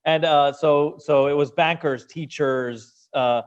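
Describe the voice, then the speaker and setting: A man from Venezuela, a business founder being interviewed, who talks in an animated way and often repeats words as he restarts sentences. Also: fairly high pitch, slow, smooth, muffled recording. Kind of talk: interview conversation.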